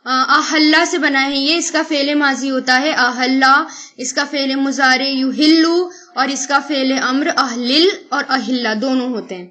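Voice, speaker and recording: A woman teaching a Quran lesson. She takes one Arabic word at a time and explains it slowly in Urdu, mixes in English words, and poses rhetorical questions. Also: high-pitched, fairly even intonation, pushed and bright. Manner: asks rhetorical questions to the listener.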